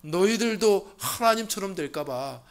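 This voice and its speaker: A man's voice: sits high, lively intonation, a little slow, pitched above the performer's own voice. A man voicing a sly male devil who coaxes listeners into doubt, in a sermon. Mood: insinuating.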